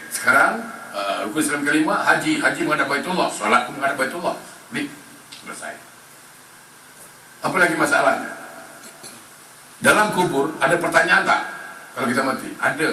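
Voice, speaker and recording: Male preacher, bright tone, playful question-and-answer delivery, recorded from a distance in a roomy mosque. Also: medium pitch, slight background noise. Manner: jokey, asks the crowd questions and answers them himself. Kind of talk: humorous mosque lecture. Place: mosque hall. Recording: roomy, distant mic with faint ambience.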